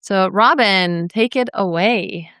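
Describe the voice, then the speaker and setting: A woman's voice: mid-range voice, slow, a bit bright, smooth, dry recording, clean studio sound. A woman co-hosting an interview over a video call, upbeat and moderating. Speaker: co-host.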